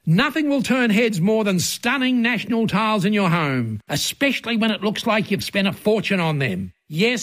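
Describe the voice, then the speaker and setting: A man giving a scripted sales pitch, speaking directly to listeners as a company spokesman. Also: a bit bright.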